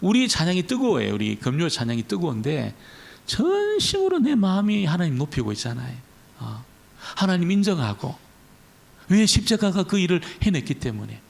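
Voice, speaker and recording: Gravelly, lively-voiced male pastor preaching. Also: sits high, moderate pace. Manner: conversational preaching, repeats key words. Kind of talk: Friday prayer meeting sermon. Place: church.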